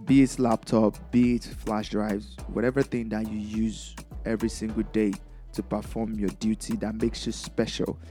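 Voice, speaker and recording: A man's voice: lowish voice, little pitch movement, moderate pace, warm tone, faint music behind. A man from Nigeria with a Nigerian accent, a DJ giving casual, chatty advice in a vlog and laughing often.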